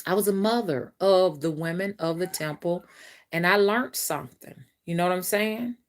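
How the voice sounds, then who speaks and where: Her lowish voice moves at a moderate pace as she hosts a casual spiritual live stream from her phone. The woman keeps rambling and repeating herself, talking straight to the audience and going through their comments.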